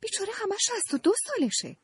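Actress as a feisty confused young woman in an audiobook, high voice, lots of swing, dry mic. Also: dry recording. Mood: indignant. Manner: indignant, pleading, expressive. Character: bewildered young woman, sharp-tongued and earnest. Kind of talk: audiobook character voice.

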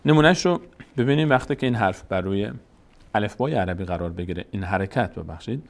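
A man with a slightly low voice delivers a calm, methodical lesson on reading the Quran. He speaks slowly and deliberately, spelling out the letters of the alphabet patiently, one at a time, in an instructional tone. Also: vocal fry. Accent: Persian. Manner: slow, patient, deliberate explanation with drawn-out letter recitation. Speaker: Quran recitation teacher. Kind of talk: instructional lesson on Arabic vowel marks.

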